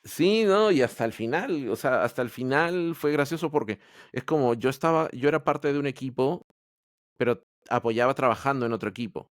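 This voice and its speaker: The speaker is a Peruvian Android developer telling his story as a podcast guest in a casual interview. His medium-pitched voice is expressive at normal speed, though he's hesitant and keeps restarting, recorded in studio quality with no room sound.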